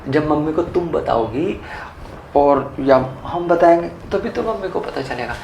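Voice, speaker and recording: A man's voice: fairly high pitch, expressive, unhurried, creaky, darkish tone, echoey room, a little hiss or hum, rough recording. A man playing a brazen, pushy house servant in a family drama skit, wheedling and insistent. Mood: insisting. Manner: wheedling and insistent, keeps pressing money.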